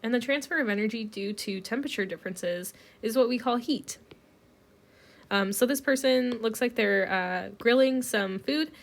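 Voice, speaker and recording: A woman with a fairly high, creaky voice delivers a recorded chemistry lecture at a normal speed while recovering from a cold. Her manner is relaxed as she works through each step, dropping in plenty of ums.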